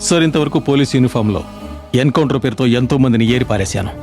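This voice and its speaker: An actor playing a suspended male police officer who is proud and fierce. He shouts in anger and speaks bitterly. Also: medium pitch, animated, fast talker, faint music behind, close to an everyday voice.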